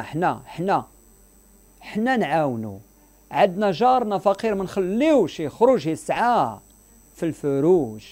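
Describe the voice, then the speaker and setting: Moroccan man on radio, quick and a bit high-pitched, preachy and insistent. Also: a little mellow. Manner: emphatic, repetitive, moralizing. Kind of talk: impassioned radio talk. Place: radio studio.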